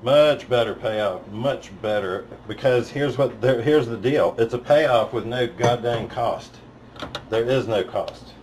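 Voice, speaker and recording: A man giving a live spiritual talk in an auditorium. He speaks bluntly, swears freely, builds to loud emphatic peaks and then drops back down low. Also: takes it slowly, reverberant, slight background noise, low-quality recording. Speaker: spiritual teacher. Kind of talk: live motivational talk to an audience.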